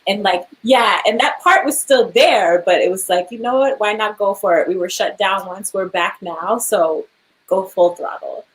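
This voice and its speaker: A young woman actor chats casually in an interview, laughing often and filling her speech with "like" and "um." Her voice is medium-pitched at a normal speed, and the recording is rough.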